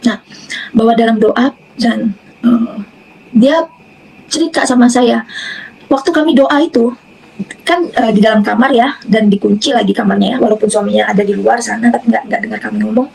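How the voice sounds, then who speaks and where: A woman from Indonesia recounts her personal faith testimony in a relaxed, conversational manner full of fillers and restarts. Her voice sits a little high, with a gravelly, husky grain. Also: moderate pace, long pauses, low-quality recording. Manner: conversational storytelling with many fillers. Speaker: testimony speaker.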